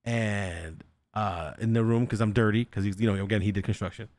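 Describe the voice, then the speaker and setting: A man's voice: on the low side, a little fast, no room sound. A young man hosting a podcast, telling a ghost story casually, swearing often and acting out the voices of the people in it. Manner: animated, swears often, acts out quotes. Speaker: podcast host.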